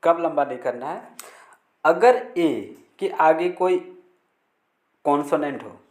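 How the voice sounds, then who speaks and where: A man's voice: a little high, slow pace, darkish tone. A man teaching English pronunciation in Hindi, spelling words out letter by letter and often repeating the rule. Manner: frequent checking fillers. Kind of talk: Hindi-language pronunciation lesson. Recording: echoey room.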